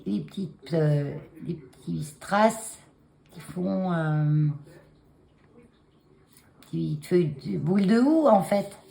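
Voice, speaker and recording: Clearing a frog in her throat, a woman chats to her phone camera at her desk, held on a taped stand, showing her handmade cards. Her fairly low voice is gravelly and dark with lively intonation, and she speaks slowly, pausing often, hesitant with many fillers and restarts.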